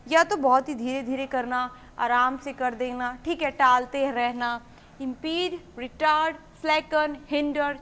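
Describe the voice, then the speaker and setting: In this English vocabulary lesson for exam students, a woman explains words one step at a time, asks questions and then answers them, and reads example sentences slowly and distinctly. Her voice is high and a little bright.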